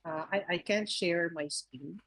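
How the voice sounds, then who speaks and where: A woman with a Filipino accent opening an online presentation on a video call, polite and hesitant, pausing often. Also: fairly low pitch, a bit bright, no room sound. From Philippines. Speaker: university international affairs director, guest speaker.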